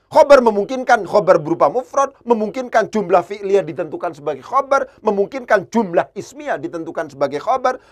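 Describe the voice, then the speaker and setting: A man teaching Arabic grammar in a classroom lesson, repeating key phrases and slowing down to spell out Arabic words. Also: high voice.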